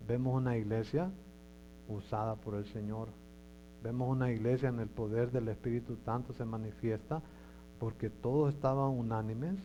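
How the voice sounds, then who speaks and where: A man's voice: medium pitch, warm tone. A male pastor preaching a sermon, who repeats phrases and keeps asking the congregation questions. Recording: dull lo-fi sound with faint hum.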